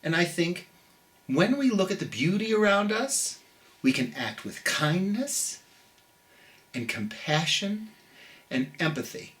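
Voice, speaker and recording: With a sing-song, medium-pitched voice, a middle-aged children's storytime host reads and chats directly to young listeners. The delivery is gentle and theatrical, lingering on words for emphasis.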